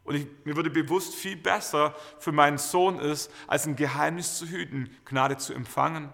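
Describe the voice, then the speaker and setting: Preacher guy, kinda high voice, gravelly edge, rambling stories, echoey hall. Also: moderate pace. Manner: lively anecdotal storytelling with many fillers. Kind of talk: storytelling sermon. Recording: reverberant hall.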